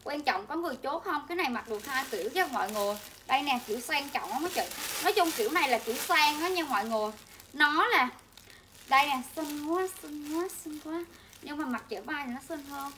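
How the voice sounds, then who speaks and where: A young livestream clothing seller talks briskly in a high, bright voice with a forceful tone, over slight background noise. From her indoor home shop she chatters continuously, pushing offers and addressing viewers constantly.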